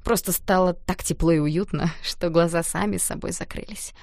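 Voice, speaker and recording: A woman voicing a drowsy, moody teenage boy who mumbles low. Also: normal speed, darkish tone, no echo, natural voice. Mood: sleepy.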